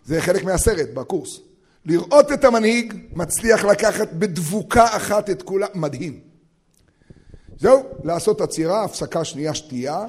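High voiced guy teaching a torah class, lively, lots of questions, goes quiet then loud. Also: breathy edge. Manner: animated, rhetorical questions, acts out quotes; swings between loud and hushed. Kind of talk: Torah lesson for educators.

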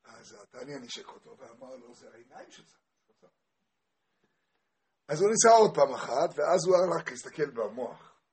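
Male Torah teacher with a high voice, storytelling lesson, animated, questions his listeners, builds to loud passion. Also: long pauses. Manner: animated, asks the audience questions, grows loud and impassioned.

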